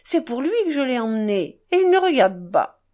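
A woman reading the part of an eager, proud schoolboy who talks in a lively, boastful, hurried way. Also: a little high. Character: eager proud schoolboy showing off his dog.

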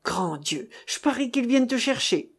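A woman voicing a pompous old man, a revolutionary judge who blusters loudly, then drops to anxious whispers. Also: very high-pitched, expressive, moderate pace, husky, pitched above the performer's own voice, full character voice. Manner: bombastic, swinging between bluster and whispers.

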